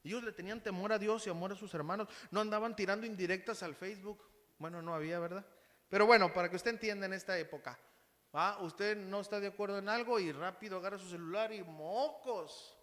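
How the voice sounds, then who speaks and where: A Mexican Spanish-accented man preaching to his church, his voice sitting high for a man. He talks to the congregation in a loose, conversational way. The sound has a long, ringing hall reverb. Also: a bit bright. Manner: conversational, addresses congregation as brothers; uses quick acted quotes of others. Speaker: pastor. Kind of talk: sermon.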